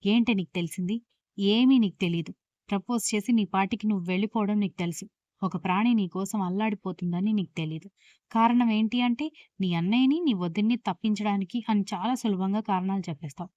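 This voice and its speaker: A woman's voice: medium pitch, brisk, darkish tone, dry recording, muffled recording, natural voice. A woman voicing a hot-tempered young husband who scolds and rebukes his new wife, in a storybook reading. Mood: bitter.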